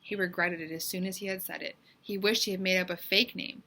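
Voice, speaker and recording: Like a teacher reading aloud, a woman narrates a children's story. Her slightly low voice sounds bright and forceful, and she delivers it in an expressive, deliberate, suspenseful way.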